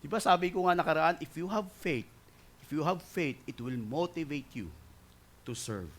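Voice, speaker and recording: A male pastor preaching a sermon, mixing Tagalog with English and often asking the congregation "right?" as he swings between loud and soft delivery. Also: a little high, expressive, moderate pace. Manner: mixes Tagalog and English, keeps asking the crowd "di ba?" and "tama?".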